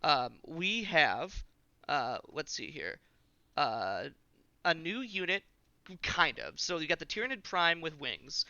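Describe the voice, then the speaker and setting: A man's voice: fairly high pitch, big pitch swings, takes it slowly, bright, forceful tone, clear, resonant tone, dry recording, lo-fi sound. A man hosting a podcast, talking casually and with enthusiasm, with frequent filler words. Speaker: podcast host. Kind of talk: casual chat.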